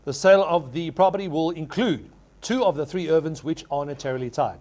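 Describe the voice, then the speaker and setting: A man's voice: a little high, a little mellow. A man working as an auctioneer, calling a live property auction with courteous address and repeated figures. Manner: repeats figures in rapid chant when taking bids.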